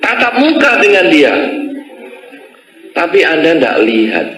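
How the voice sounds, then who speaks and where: A man giving a Buddhist sermon, a lively storyteller who acts out voices and sounds. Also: fairly high pitch, a little slow, reverberant, rough recording. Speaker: Buddhist monk giving a dharma talk.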